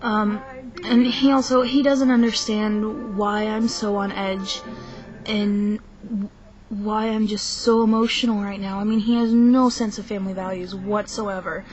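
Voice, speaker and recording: The audio is dull as a young woman vlogs an offhand rant, her mid-range voice steady, unhurried and a little mellow. Short on sleep, she talks hesitantly but honestly and keeps stopping to begin again, over quiet film music.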